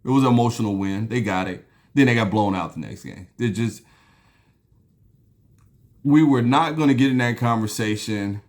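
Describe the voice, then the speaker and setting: A man's voice: fairly low pitch, normal speed, long pauses. A man hosting a basketball talk show, chatting casually and loosely, with lots of ums and restarts, sipping a beer as he goes. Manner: relaxed, rambling, with frequent ums and restarts; sipping a beer while talking. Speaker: basketball podcast host. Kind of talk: casual solo sports talk.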